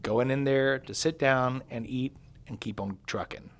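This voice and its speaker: A man's voice: mid-range voice, measured pace. A male musician guest in an interview, earnestly recounting an experience and translating for his partner. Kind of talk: conversational interview.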